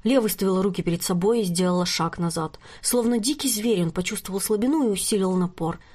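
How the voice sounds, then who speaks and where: A woman narrating a novel chapter in a steady, even audiobook reading. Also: mid-range voice, quick pace.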